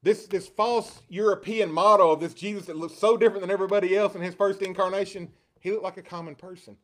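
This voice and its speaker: High-voiced preacher. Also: male voice, fairly even intonation, quick pace. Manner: rhetorical questions, acts out quotes with rising inflection. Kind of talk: sermon.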